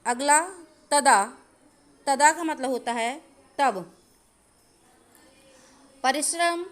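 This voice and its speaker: A woman teacher going through Sanskrit grammar answers, dictating them slowly and methodically. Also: fairly high pitch. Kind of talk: explaining a grammar lesson.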